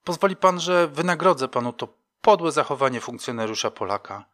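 Brief: man playing a woman coroner, firm and insistent, raised pitch, bright tone, storybook reading. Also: expressive, a little fast. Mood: kind, insistent. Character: indignant compassionate woman coroner.

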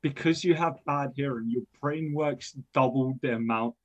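A young adult man, a native Persian speaker studying engineering, talks casually and self-deprecatingly on a podcast, drifting between thoughts with many fillers. His medium-pitched voice moves at a moderate pace through a dull, lo-fi recording.

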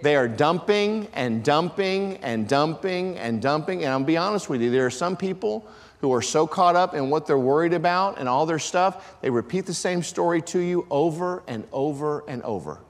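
A man preaching a sermon, his voice sitting a little high. He drives his points home with emphasis and sometimes breaks into shouts. His words ring out with a long reverb from a large church hall. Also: animated, normal speed. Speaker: pastor.

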